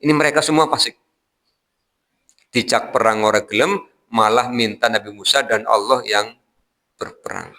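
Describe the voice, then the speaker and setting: A man's voice: mid-range voice, fairly even intonation, moderate pace, pauses often, pushed and bright. A man with a Javanese accent giving a morning Quran commentary as a preacher, explaining Arabic verses phrase by phrase with homely jokes and speaking straight to the congregation. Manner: addresses the congregation directly. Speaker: Islamic preacher.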